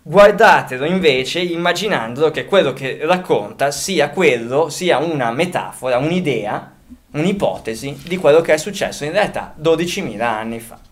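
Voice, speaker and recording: A man's voice: a little high, expressive, normal speed. A man co-hosting a casual podcast, talking, rambling, often restarting and correcting himself as he thinks aloud. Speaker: podcast co-host.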